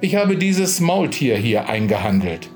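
A man's voice: mid-range voice, sing-song, unhurried, a little mellow, faint music behind. A man voicing an old, gullible village priest who exclaims in indignant disbelief. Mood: guileless.

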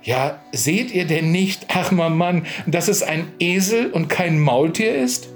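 A man voicing sly male highway rogues who talk in a mocking, wheedling way. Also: slow, faint music behind.

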